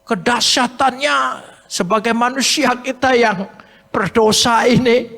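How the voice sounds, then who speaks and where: Male pastor, sermon, slow unhurried delivery, long echoing church hall. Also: extremely high pitch, gravelly. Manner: animated preaching that asks the congregation questions. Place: church service.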